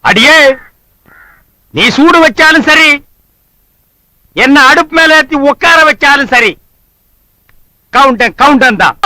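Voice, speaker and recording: A broke, boastful drunkard of a husband, all sarcasm and loud mockery in a film comedy. His voice sits very high and sounds intensely bright and sharp, with a dry, close sound. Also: animated, slow pace, pauses often, no room sound, full character voice, poor audio. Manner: sarcastic, mocking, loud insults. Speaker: comic actor.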